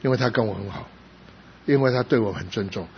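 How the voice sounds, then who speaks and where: A middle-aged man preaching a sermon as a pastor, telling a personal story with rising emphasis and sudden soft drops. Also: on the low side, fast. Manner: emotional storytelling, rising to loud emphasis then dropping soft. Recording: slightly dull recording with faint background noise.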